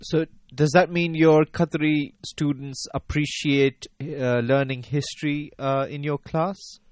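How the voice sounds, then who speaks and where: A man's voice: fairly high pitch, steady tone, measured pace, dry recording. Polite male show host. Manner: polite, inquiring. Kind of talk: formal interview.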